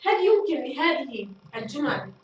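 Woman schoolteacher, high pitch, patient, drawn-out explaining. Recorded far off in a very reverberant room with light background noise. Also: very animated. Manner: slow, deliberate explaining, repeats and stretches words; addresses pupils warmly, praises them. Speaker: fifth-grade Arabic teacher. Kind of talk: recorded classroom lesson. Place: echoey school studio room. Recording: very echoey room, voice far from mic, faint noise.

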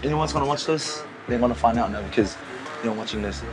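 Music plays and crowd noise rises as a New Zealand man in his thirties, interviewed as a barber in a small convenience store, jokes around casually in slang, often saying "bro" and "man." He speaks fast at a medium pitch.

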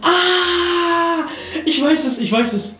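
A young man with a very high voice speaks slowly but with excited, slangy energy as he guesses in a pantomime game. It's casual, joking game chat among friends, recorded in an echoey room at home with music playing behind.

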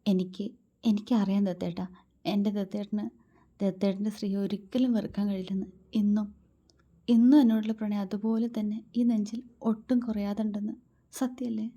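A woman reading a story aloud, voicing a hurt young woman who pleads softly with her lover. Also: a little high, fairly quick, long pauses, slightly rough, highs cut off. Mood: pleading.

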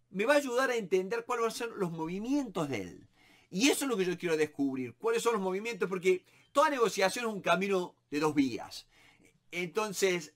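A middle-aged man with a Rioplatense Spanish accent, teaching negotiation in a casual monologue, lively and repeating words as he thinks aloud. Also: high voice. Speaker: negotiation instructor.

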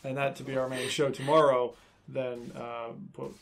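A middle-aged man with a creaky voice, casually explaining things in conversation as a streamer hosting a gaming chat. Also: medium pitch, flat delivery, moderate pace, crowd noise. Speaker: streamer and host. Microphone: binaural recorder, seated in headset.

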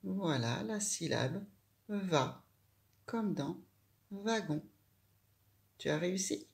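A woman's voice: lowish voice, expressive, takes it slowly, gravelly, a little mellow. A woman teaching a child handwriting, giving patient step-by-step instructions.

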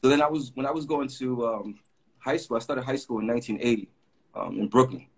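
A middle-aged Puerto Rican man, a graffiti artist appearing as a guest, talks over a video call webcam in a casual storytelling interview. His medium-pitched voice is brisk, creaky and husky, and his stories run long and rambling, packed with fillers.

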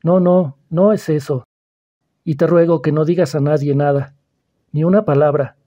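A man's voice: on the high side, steady tone, moderate pace, warm tone, lo-fi sound, close to an everyday voice. A man reading the part of an anxious schoolboy who begs to keep his secret, in an audiobook. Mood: frightened, pleading. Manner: anxious, pleading.

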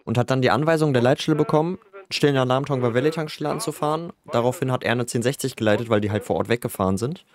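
Talking very fast with few pauses in a medium-pitched voice, a streamer plays a police officer in a game. He chats casually, a touch grumpy, about the shifts he works.

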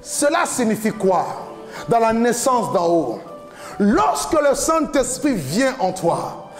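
A man in his forties preaching an impassioned sermon from a church stage into a handheld mic, often shouting in a chanting cadence. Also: very high voice. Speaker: pastor. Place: large church hall with a stage, indoors.

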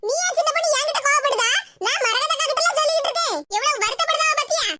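A woman's voice: very high voice, rapid-fire, heavy background noise, pitched above the performer's own voice. Woman doing a sly gossipy busybody. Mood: needling. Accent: Tirunelveli Tamil. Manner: needling, insinuating.

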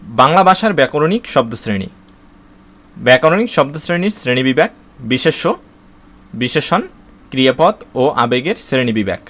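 A Bangladeshi-accented man talks students through an exam syllabus at an average pitch. He moves item by item through long lists and fills the gaps with "uh" while he restarts words. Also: expressive, moderate pace, pauses often, fairly bright tone. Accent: Bangladeshi Bengali. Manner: reads out lists steadily, with frequent "uh" fillers and restarts. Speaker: teacher explaining an exam syllabus. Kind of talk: spoken lesson to students.

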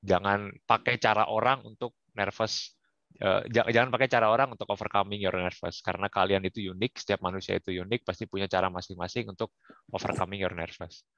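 A man's voice: lowish voice, fairly even intonation, brisk, a bit bright, no room sound. A young man giving career advice in a casual online talk, with frequent fillers and English career terms. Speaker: guest speaker. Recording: muffled, dry, lo-fi.

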